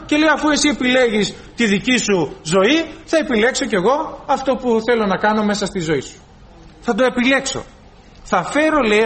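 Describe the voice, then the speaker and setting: A male preacher giving a dramatic sermon, quoting scripture and acting out dialogues between God and people. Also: very high-pitched. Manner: dramatic, quotes and acts out dialogue, swings loud to soft.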